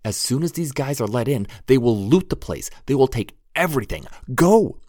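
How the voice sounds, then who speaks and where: A man voicing a small, bold young woman who gives brisk, commanding orders. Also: mid-range voice, lively intonation, dark tone, dry recording, clean studio sound, pitched above the performer's own voice, natural voice. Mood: urgent.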